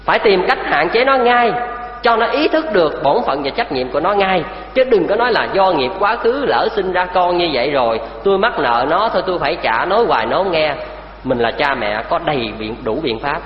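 High, lively preacher. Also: male voice, moderate pace. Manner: emphatic, rhetorical questions to listeners. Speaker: Buddhist preacher. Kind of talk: sermon. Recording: echoey hall, dull lo-fi sound.

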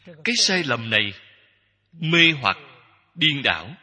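A man giving a Buddhist dharma talk as a teacher, speaking in slow, measured short phrases that repeat. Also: fairly high pitch, very animated, bright, forceful tone, slightly rough. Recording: long hall reverb.

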